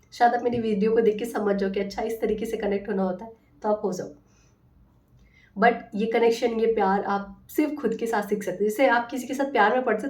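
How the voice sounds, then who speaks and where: A woman healing coach talking casually to viewers in a soft, affectionate and earnest way. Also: a little high, distant mic. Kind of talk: casual motivational talk to viewers.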